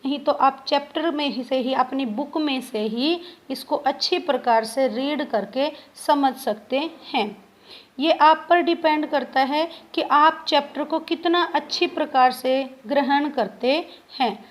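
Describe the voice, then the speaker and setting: A woman teacher giving a grammar lesson to students, spelling out sounds one by one. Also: high voice. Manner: slow, spells out sounds letter by letter.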